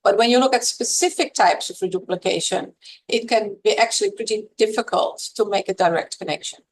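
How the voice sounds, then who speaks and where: A woman professor, a guest on an interview podcast, explaining points in a measured, lecturing way with some fillers. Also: medium pitch, poor audio.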